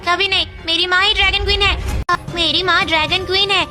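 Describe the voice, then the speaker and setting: A woman's voice: extremely high pitch, steady tone, a little fast, music in the background. A woman voicing a brave young boy, the Dragon Lord's son, earnest and fiercely protective of his mother. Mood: defiant. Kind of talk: Hindi dub of a fantasy drama.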